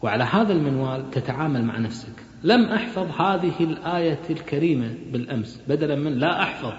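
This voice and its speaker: A man giving a brisk, instructive self-help lecture that is full of examples. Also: a little high, animated. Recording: echoey hall, muffled sound.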